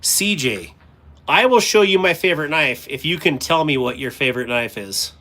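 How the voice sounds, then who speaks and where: A man's voice: on the high side, lively intonation, normal speed, pushed and bright. A man hosting a casual livestream, rambling to his chat while sorting stickers and gear at a cluttered workspace. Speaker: livestream host. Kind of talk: casual live-stream chat.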